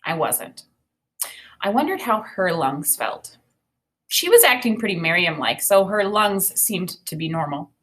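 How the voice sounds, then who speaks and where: A woman teacher reads a children's novel aloud with expression, breaking in with informal, explanatory think-aloud comments. Her voice is fairly low and her pace a little slow.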